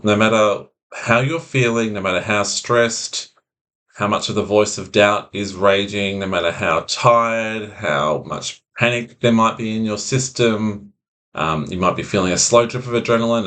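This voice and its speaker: A man talking directly to viewers about anxiety, in a calm, soothing and deliberately unhurried way, often repeating short phrases. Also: lowish voice. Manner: slow, soothing, repetitive phrasing. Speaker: anxiety recovery coach. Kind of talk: calm instructional monologue.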